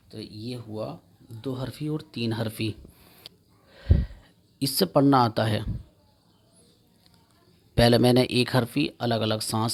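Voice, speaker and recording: Male reading teacher, gravelly voice, slow repetitive letter drills. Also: medium pitch. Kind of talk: spelling lesson, drilling Arabic letters.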